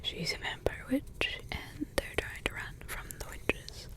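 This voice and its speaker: Playing a witch mother who has lived for centuries, a woman whispers softly in a lightly acted ASMR roleplay. She stays thoughtful and slow, humming to herself in the pauses.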